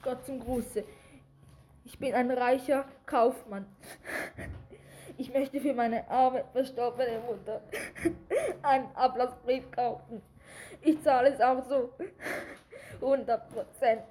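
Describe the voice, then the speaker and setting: A woman's voice: fairly high pitch, fairly even intonation, slow, pauses often, dark tone. A woman playing a rich, mournful merchant in a subdued manner in an audio play, with some background noise. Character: rich merchant mourning a poor dead mother. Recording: faint noise and background ambience.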